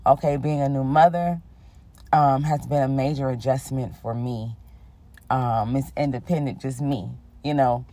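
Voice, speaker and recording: A young woman with a low, grounded voice hosts a casual spiritual podcast. She is slightly under the weather, yet talks in an affirming, conversational way, checking in with listeners. The sound is dry and close, with no room around it. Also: no room sound. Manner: warm-toned, affirming, sprinkles in "okay?" and "honey". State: under the weather, voice a bit rough. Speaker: podcast host.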